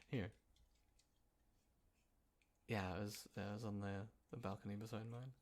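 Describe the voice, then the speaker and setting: A young adult man with a voice on the low side plays an easygoing, playful guy in a casual roleplay audio. Chatting with a friend, he sounds soft and fond, speaking in a halting, naturalistic way punctuated by chuckles.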